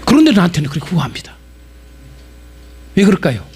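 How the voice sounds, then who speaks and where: A middle-aged man preaching a lively sermon-lecture in a church, animated and jumping between quiet asides and loud acted-out outbursts. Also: high voice, a little fast, breathy edge. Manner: animated, acts out market sellers with sudden loud outbursts. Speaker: pastor and Bible lecturer.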